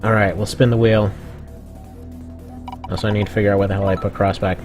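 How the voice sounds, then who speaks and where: A man's voice: fairly low pitch, level tone, fairly quick, a little mellow, soft background music. A man giving chatty, casual commentary on a game stream, laughing often.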